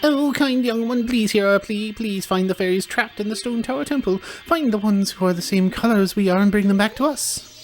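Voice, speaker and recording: A man voicing a gentle female fairy of a fountain in a video game, pleading in a formal, imploring way. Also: sits high, fairly quick, soft background music, voice pushed up, natural voice.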